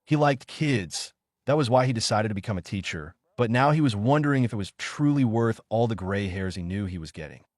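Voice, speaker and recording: A man reading a fan fiction story aloud in a steady voice, with occasional misread words. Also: lowish voice, a little fast, no echo, studio quality. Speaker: reader.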